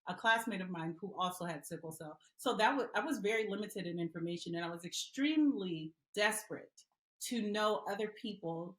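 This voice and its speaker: A middle-aged woman from Liberia, a mother speaking as a guest and telling her story earnestly with frequent pauses. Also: mid-range voice, echoey room, poor audio. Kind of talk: interview answers.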